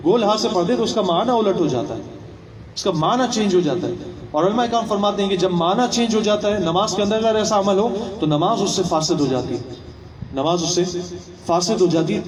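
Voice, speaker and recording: A young man with a high voice leads a religious training session, asking his listeners rhetorical questions and repeating his points. He mixes English words into his speech. He is heard from a distance, in a large hall that rings with echo. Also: a little hiss or hum. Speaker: religious instructor. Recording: echoey hall, voice from far off.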